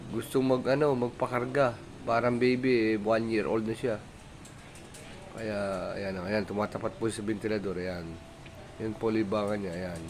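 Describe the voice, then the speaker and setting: Man, casual home vlog, soft coaxing talk to a dog, phone camera, noisy background with dog sounds. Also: lowish voice. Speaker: vlogger filming his pet dog. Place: home, indoors.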